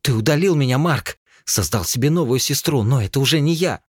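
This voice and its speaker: A man's voice: medium pitch, expressive, quick pace, no room sound, clean studio sound, voice pushed up, lightly acted. A man voicing a young woman in an audiobook, a distraught sister who talks in tearful, accusing bursts. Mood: anguished, furious.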